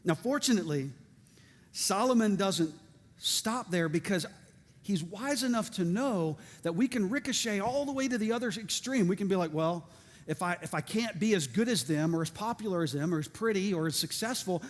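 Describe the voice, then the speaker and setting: A middle-aged male pastor preaching a sermon, energetic and lively, with joking asides and calls to the congregation. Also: sits high, normal speed. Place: church sanctuary. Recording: reverberant church hall.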